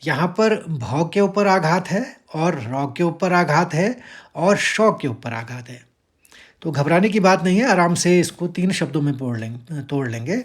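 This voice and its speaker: A man from India teaching the pronunciation of a Sanskrit verse step by step, with a patient, explaining manner and slow chanting of the lines. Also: on the high side, expressive. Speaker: Gita recitation teacher.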